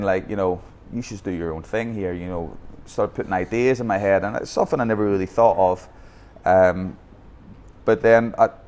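A deep-voiced, slightly mellow man from Northern Ireland speaks in a podcast interview in Bangkok. He founded a youth football academy and coaches there, and he tells his story candidly with many restarts.

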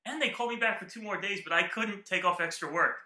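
A man co-hosting a podcast, telling a story in animated casual chat and acting out what people said. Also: high voice, fast talker. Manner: animated, acts out quoted lines. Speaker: podcast co-host. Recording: roomy echo.

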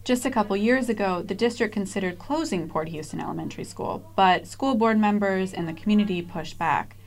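A woman field reporter reading a measured, descriptive scripted news narration. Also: mid-range voice, vocal fry.

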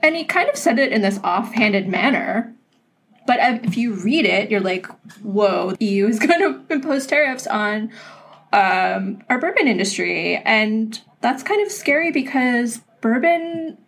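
A woman's voice: on the high side, expressive, a little slow, gravelly, fairly bright tone, husky. A woman co-hosting a podcast, chatting casually over drinks, laughing often and swearing freely. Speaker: podcast co-host.

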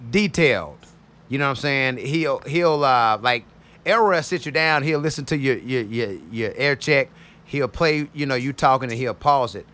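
Bright-voiced radio DJ man. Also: mid-range voice. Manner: loose, conversational, drawn-out stories. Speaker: radio DJ guest. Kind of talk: casual interview talk.

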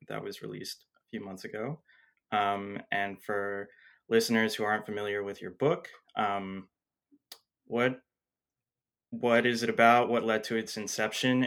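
A man hosting an interview, asking relaxed, casual questions with fillers. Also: fairly low pitch. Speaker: interview host.

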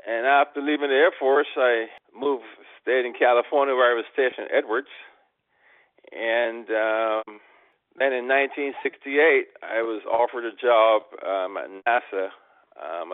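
An older man from Barbados answering interview questions in a measured, plain way. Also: mid-range voice, no room sound. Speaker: patient, guest. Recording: dry tinny phone-like sound.

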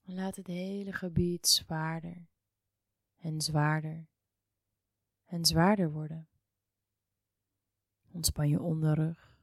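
Slow, hushed woman guiding relaxation. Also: fairly low pitch, no echo. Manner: slow, soothing, with long pauses. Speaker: yoga and meditation guide. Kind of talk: guided relaxation meditation.

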